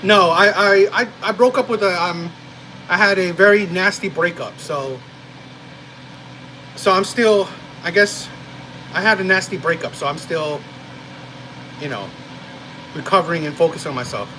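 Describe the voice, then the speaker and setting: Male live-stream host from New Jersey, loose rambling chatter, slightly high voice, audible air-conditioner hum. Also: moderate pace, long pauses, pushed and bright, poor audio. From New Jersey, USA. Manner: rambling, frequent "right?" and "you know". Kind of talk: casual live-stream chat.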